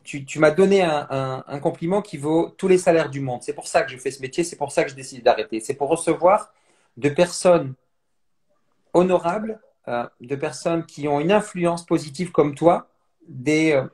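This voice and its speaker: Mindset-trainer guest, male, fairly high voice, earnest, repeats phrases, live online chat. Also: normal speed, a little mellow. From France. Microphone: phone on mobile data.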